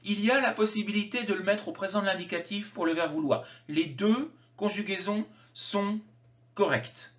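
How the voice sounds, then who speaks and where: A man teaching a grammar lesson, slowly and carefully spelling out each example form. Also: sits high. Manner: slow, careful enunciation of example words. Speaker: French teacher. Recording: dull lo-fi sound.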